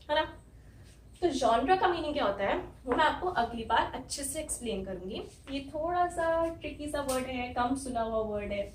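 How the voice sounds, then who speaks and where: High-voiced woman teaching in an echoey room. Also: a little hiss or hum. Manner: slow, explanatory, spells out sounds. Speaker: English teacher. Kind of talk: spoken language lesson. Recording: echoey room, from some distance.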